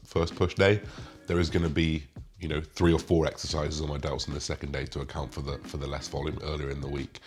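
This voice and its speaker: A man with a slight lisp and slushy s sounds, hosting a video and explaining things casually to his viewers. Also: very deep voice. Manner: lisp with slushy s sounds from new dental retainers. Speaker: host, men's physique bodybuilder.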